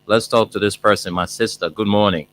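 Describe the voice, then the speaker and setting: A man hosting a casual call-in radio show, brisk and jokey with many fillers. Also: fairly low pitch, fairly even intonation, a bit bright.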